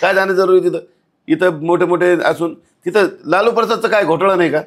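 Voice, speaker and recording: In a high-pitched, brisk voice with fairly even intonation, a man appears as an outspoken podcast guest discussing local civic issues. He is blunt and indignant throughout the interview, scolding and firing off rhetorical questions.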